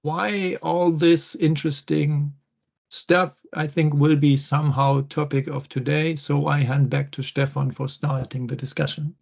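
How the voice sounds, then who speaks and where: A man's voice: fairly high pitch, level tone, measured pace, gravelly, a little mellow. A middle-aged man introducing himself conversationally as an academic panelist in an online meeting. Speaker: panelist, university lecturer. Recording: slightly dull online call audio.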